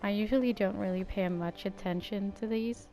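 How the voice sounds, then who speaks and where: Medium-pitched and warm, a young Danish woman's voice moves at normal speed with fairly even intonation over faint background music. A gaming YouTuber from Denmark and native Danish speaker with an Americanized English accent, she casually chats about her gameplay in a rambling Valley Girl tone.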